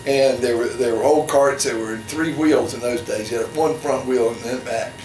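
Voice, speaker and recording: An older man reminiscing casually over low-quality stream audio. He rambles a little, restarts sentences and adds dry asides. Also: steady tone, normal speed, darkish tone. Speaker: family storyteller. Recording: distant, echoey room, faint background noise.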